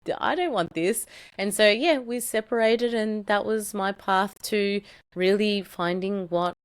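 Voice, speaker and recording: A woman in her thirties from El Salvador, a podcast guest telling her own story candidly and acting out quoted dialogue with sudden rises in pitch. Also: measured pace, clean tone. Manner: animated, acts out quoted dialogue with rising pitch.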